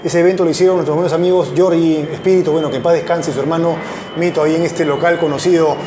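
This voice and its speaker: A man's voice: on the high side, fairly even intonation, fast, roomy sound, background noise. A man hosting a casual interview, steering the talk with short agreements. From Peru. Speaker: host.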